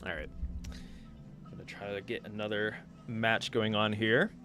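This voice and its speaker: A man's voice: lowish voice, fairly even intonation, a little slow, bright, forceful tone, soft background music. A man hosting a live stream, casually commentating game matches and chatting with players, thinking aloud with fillers. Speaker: stream host and match caster.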